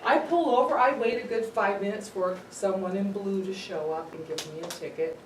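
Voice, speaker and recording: A woman with a Californian accent giving a humorous personal speech at a club meeting, an animated storyteller who laughs often and acts out what people said. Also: mid-range voice, moderate pace. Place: meeting room. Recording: echoey room from far off, noisy.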